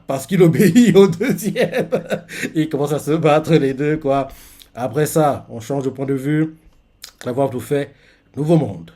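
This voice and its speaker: A man's voice: mid-range voice, dark tone. A man casually reading a manga chapter aloud and commenting, with lots of fillers. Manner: lots of fillers, laughs as he reacts. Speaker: manga reaction youtuber.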